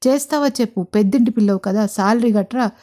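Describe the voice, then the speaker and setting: A woman voicing a confident young woman CEO who teases and speaks with calm sarcasm in an audio love story. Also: fairly high pitch, fairly quick, natural voice. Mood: sarcastic.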